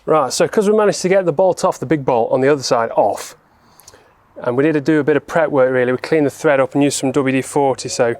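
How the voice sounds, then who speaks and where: A man's voice: medium pitch, quick pace, a little mellow. A man presenting a car repair vlog, explaining each step informally as he works. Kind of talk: casual hands-on how-to narration.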